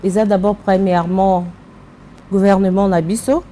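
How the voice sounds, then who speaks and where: A woman's voice: mid-range voice, little pitch movement, moderate pace, warm tone. A woman with a Congolese French accent, a fashion designer answering interview questions in a casual way, switching between French and Lingala and searching for her words.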